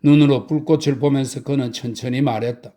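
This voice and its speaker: A middle-aged man narrating a short story as a slow, soft bedtime audiobook. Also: medium pitch. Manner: slow, soft, even reading. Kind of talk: calm sleep audiobook narration.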